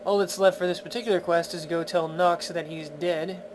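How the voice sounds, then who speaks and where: A man's voice: fairly high pitch, steady tone, a little fast, noisy background. A man giving casual let's-play commentary in a chatty, playful, wry way. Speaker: video game commentator. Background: game music.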